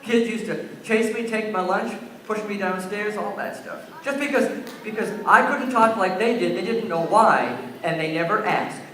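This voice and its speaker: Man, school assembly presenter, storytelling to young children, asks the kids questions, bright voice, booming gym echo. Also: animated, normal speed. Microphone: far-off camera. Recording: echoey gym from far off.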